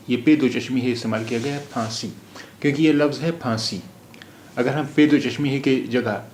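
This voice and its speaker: A man teaching Urdu pronunciation, repeating each word slowly for the learner to drill. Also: medium pitch, roomy sound, a little hiss or hum. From India. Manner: slow, repeats words for drill. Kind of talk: phonetics lesson.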